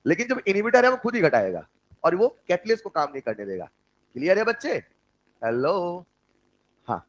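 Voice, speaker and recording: A man teaching chemistry in an online class, with an Indian accent when he switches to English, who dictates notes slowly and jokes with his students. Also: high-pitched, wildly swooping pitch, highs cut off. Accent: Indian English mixed into Hindi.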